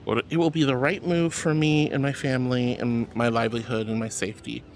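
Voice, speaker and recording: A woman's voice: a bass voice, fairly even intonation, a little fast, a little mellow, slight background noise. A woman hosting a casual livestream, reading chat aloud and replying affectionately with pet names, often giggly. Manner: affectionate, uses pet names like honey and sweetie; giggly, laughs often while talking. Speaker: livestream host.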